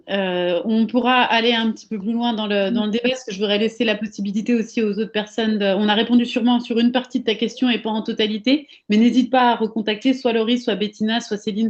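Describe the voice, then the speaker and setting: A woman's voice: fairly high pitch, highs cut off. A woman hosting a live online discussion, rephrasing and repeating herself hesitantly as she moderates. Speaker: discussion host.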